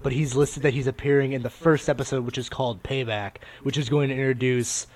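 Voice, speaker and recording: A man hosting a podcast, talking casually about films in an animated, opinionated way with loose swearing. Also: medium pitch, fairly quick. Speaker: podcast host. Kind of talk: casual film discussion.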